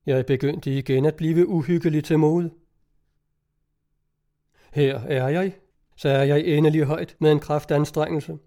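A man reading a story aloud as narrator, in calm, measured scripted narration. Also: a little high. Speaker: audiobook narrator.

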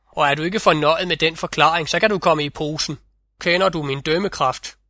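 A man's voice: fairly high pitch, fairly even intonation, pushed and bright, no room sound, studio quality. A man doing the stern old mother of the winds. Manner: stern, threatening. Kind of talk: audiobook fairy-tale reading.

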